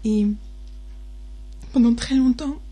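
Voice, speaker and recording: A woman in her twenties giving a personal testimony, hesitant and deeply moved, often pausing and restarting. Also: mellow. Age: 20s.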